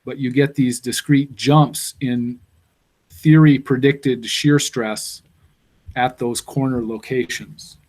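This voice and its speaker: A man's voice: mid-range voice, steady tone, takes it slowly, a little mellow. Man explaining an engineering lecture. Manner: explanatory, thinking aloud with fillers. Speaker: university lecturer.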